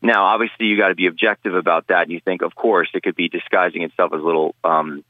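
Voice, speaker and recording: A man with a very deep voice speaks as a guest on a podcast interview. He talks in an earnest, rambling way, restarting his sentences often. The sound is dry and muffled, like lo-fi call audio. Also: steady tone, fast talker, dry recording. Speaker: guest, paranormal investigator.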